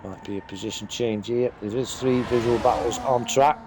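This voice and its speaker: A man giving live sim racing commentary, with fillers and short pauses as he follows the action and a voice that climbs in pitch as battles get close. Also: steady tone, noisy background. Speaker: race commentator.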